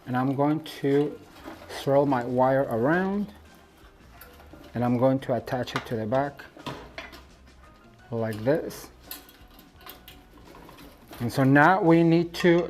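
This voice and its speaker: A man's voice: a little high, darkish tone. A man from Mexico hosting a home decor channel, talking viewers through a DIY craft tutorial in a chatty, gushing way and calling them "you guys".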